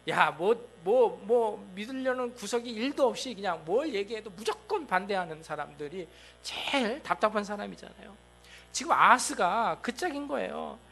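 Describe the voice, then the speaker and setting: Animated high bright-voiced male preacher. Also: moderate pace, gravelly. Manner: animated, acts out God and the king in quoted lines. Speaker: pastor. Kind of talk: sermon. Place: church sanctuary.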